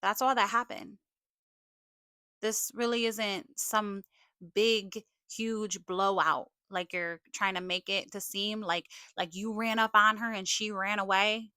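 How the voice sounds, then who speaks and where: A woman's voice: medium pitch, fairly even intonation, slow, bright, forceful tone, no echo, clean studio sound. A woman giving confrontational live commentary, sarcastic and scolding, with plenty of swearing. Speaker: streamer commenting on a livestream feud.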